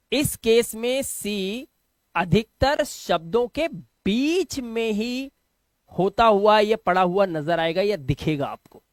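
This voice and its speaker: A man's voice: sits high, fairly bright tone, no room sound. A man teaching English pronunciation rules step by step, repeating key sounds and quizzing the viewer as he goes. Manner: patient, step-by-step explanations. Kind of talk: classroom-style lesson.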